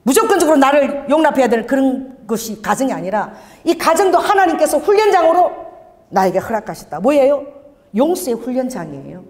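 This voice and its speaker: A woman's voice: sits high, fairly quick. An older woman pastor preaching a sermon, calling for responses from the congregation. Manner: call-and-response preaching, animated. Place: church sanctuary. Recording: church hall reverb.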